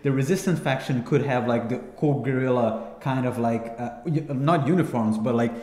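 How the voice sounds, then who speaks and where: A man, a game developer on a live stream, chatting casually and pitching ideas with enthusiasm and fillers. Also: moderate pace, dark tone. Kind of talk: casual panel chat. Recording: echoey room with long reverb.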